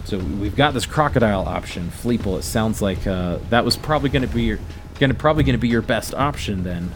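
A man with a fairly low voice serves as game master at a tabletop game. He narrates and calls for rolls haltingly, over faint background noise. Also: expressive.

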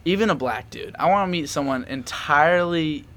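A man's voice: on the high side, brisk. A young man chatting casually and rambling, with lots of fillers and frequent laughs. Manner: rambling, animated, laughs often, many fillers. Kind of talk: casual chat.

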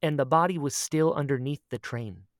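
With a low-sitting voice at a moderate pace, this podcast co-host narrates a story expressively, often quoting herself with theatrical flair. The audio is clean studio sound with no room noise.

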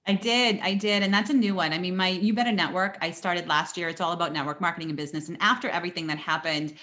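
A woman guest on a podcast interview, telling her story in an animated way with frequent laughs, fillers and restarts. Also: on the low side, quick pace.

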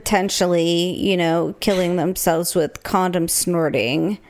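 A woman's voice: fairly low pitch, fairly even intonation, a little slow. A woman co-hosting a podcast in casual chat, joking in a dry, matter-of-fact way. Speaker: podcast co-host.

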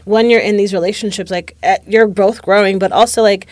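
In a casual conversation, a woman in her late twenties speaks candidly and reflectively, dropping "like" into almost every sentence. Her mid-range voice is steady, brisk and a little mellow, with no room sound in the recording.

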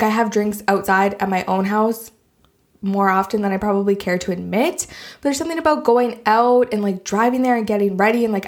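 Canadian girl doing a chatty podcast, super upbeat and informal, woman's voice at normal pitch. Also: darkish tone. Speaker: podcast host. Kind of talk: casual chatty solo podcast.

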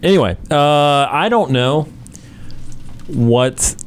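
A man's voice: medium pitch, lively intonation, slow pace, slight background noise. A man co-hosting a radio talk show, bantering casually with a dry, teasing wit. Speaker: sports radio show co-host.

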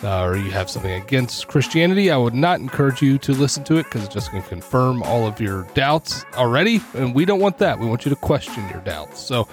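A man's voice: medium pitch, sing-song, a little fast, few pauses, faint music behind. A man hosting a casual podcast, upbeat and jokey. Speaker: podcast host. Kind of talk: casual chat.

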